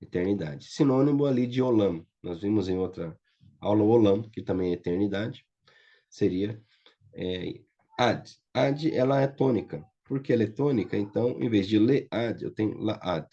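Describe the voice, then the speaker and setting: Patient Brazilian teacher, muffled mellow voice. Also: male voice, fairly low pitch, moderate pace, husky. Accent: Brazilian Portuguese. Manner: patient, checks understanding often with "tá?" and "certo?". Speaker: Biblical Hebrew teacher. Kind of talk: online class lecture. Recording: muffled lo-fi audio.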